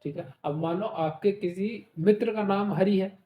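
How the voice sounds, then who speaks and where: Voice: mid-range voice, a little slow, reverberant, muffled recording. A Hindi teacher leading an exam-prep class, explaining with everyday examples, asking questions and checking in often. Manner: asks rhetorical questions and says "ठीक है" often.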